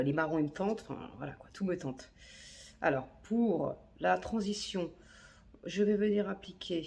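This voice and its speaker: Beauty vlogger, woman, casual and slangy, thinks aloud, voice with some vocal fry; phone-recorded. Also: sits low, a little mellow. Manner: chatty, slangy, talks to herself. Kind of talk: casual makeup tutorial chat. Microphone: phone camera.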